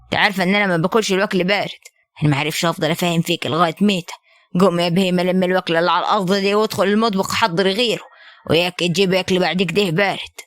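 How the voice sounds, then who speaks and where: A woman with an Upper Egyptian accent voicing a domineering young husband who talks in a gruff, insulting, bossy way. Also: lowish voice, fairly even intonation, quick pace, a bit bright, no echo, clean studio sound, natural voice. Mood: contemptuous. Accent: Upper Egyptian Arabic.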